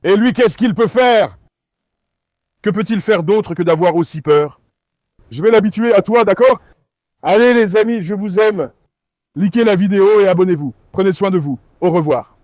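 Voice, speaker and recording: High-voiced man coaxing dogs. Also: moderate pace, a little mellow, dry recording, clean studio sound. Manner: coaxing, instructive, repeats himself. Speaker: dog channel host. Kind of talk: casual vlog chat. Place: outdoors at an industrial site.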